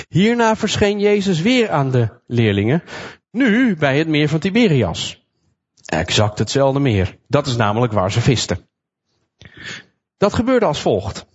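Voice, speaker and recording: A man preaching a sermon, retelling a Bible story in a lively storytelling manner and acting out the quotes. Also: medium pitch, unhurried, long pauses, slightly rough. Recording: dull lo-fi recording.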